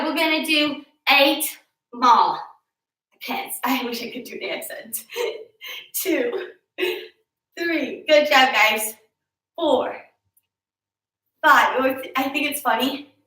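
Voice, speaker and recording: A woman's voice: sits high, takes it slowly, long pauses, sharp tone. A woman leading a home workout, counting reps aloud and making chatty, joking asides between sets. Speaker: fitness instructor. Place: room at home with a mirror. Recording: roomy echo, from a distance.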